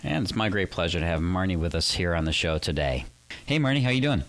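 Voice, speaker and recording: A male podcast host, raspy and recovering from flu, talking persuasively and emphatically about dating, then interviewing a guest. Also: low-pitched, very animated, fast, fairly bright tone. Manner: persuasive, emphatic, rising on key lines.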